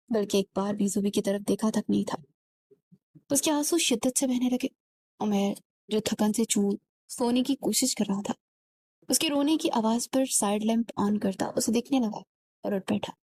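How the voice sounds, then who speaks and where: A woman narrating a romance novel in a steady storytelling reading. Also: a little high. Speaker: audiobook narrator.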